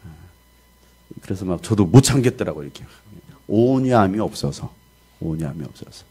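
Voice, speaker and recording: A middle-aged male pastor preaching a sermon, loud and given to shouting, acting out the voices of the people in his stories. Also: low-pitched, lively intonation, a little fast, breathy edge.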